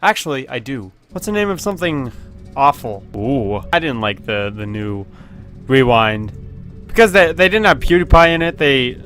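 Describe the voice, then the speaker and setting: A man giving casual, excitable commentary as he plays a video game at his computer, laughing often and yelping when something happens. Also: mid-range voice, moderate pace, soft background music. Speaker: gaming video host. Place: at home at a computer with webcam.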